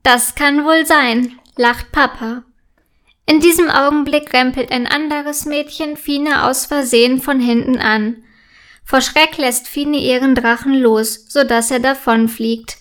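A woman reads a children's story aloud with a high voice. Her storytelling is clear and expressive, and she takes it slowly, giving every sentence room.

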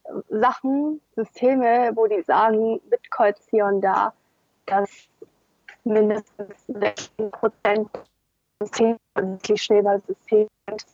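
A woman's voice: medium pitch, fairly even intonation, slow pace, a little mellow, no echo. A woman guest chatting casually in an interview, heard over an internet call that keeps breaking up. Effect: heard over an internet call line. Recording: dull dry internet call audio.

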